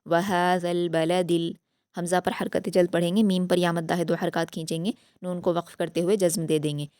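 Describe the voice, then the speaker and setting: A woman teaching Quran recitation in a slow step-by-step lesson, patiently explaining each rule and then reciting the words slowly. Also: fairly low pitch, little pitch movement, warm tone, no echo, clean studio sound.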